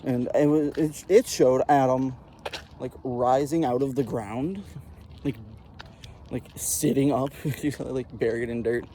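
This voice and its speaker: Swearing freely and playing every character's lines himself, this storyteller recounts his own experiences for laughs. He speaks in a mid-range voice at a measured pace, with a little hiss or hum in the background.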